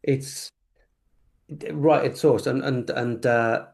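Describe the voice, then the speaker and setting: A man's voice: mid-range voice, fairly even intonation, slow pace, creaky, darkish tone. A man from the UK, a company guest in a casual interview, talking with many restarts and fillers. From United Kingdom.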